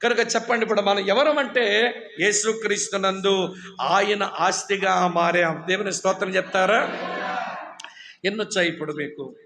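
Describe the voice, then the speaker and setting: A man with a high voice preaches a sermon in a church hall with ceiling fans. He keeps firing questions at the congregation and waits for their answers, and he teases the people who nod off. The sound rings with a roomy echo. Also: steady tone, normal speed, long pauses, crowd noise. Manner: teasing, humorous about dozing listeners; says he shouts loudly when preaching. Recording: echoey hall.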